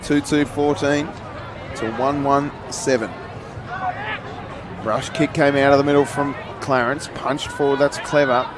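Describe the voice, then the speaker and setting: A man with an Australian accent calling a live football match, excitable and shouting at big moments. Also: mid-range voice, measured pace, pauses often. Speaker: sports commentator. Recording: outdoor ground with loud crowd and noise. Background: crowd and outdoor noise.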